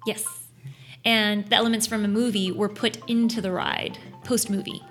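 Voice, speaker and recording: A woman's voice: medium pitch, little pitch movement, normal speed, fairly bright tone, faint music behind. A woman co-hosting a casual podcast, explaining things at length with lots of fillers. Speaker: podcast co-host.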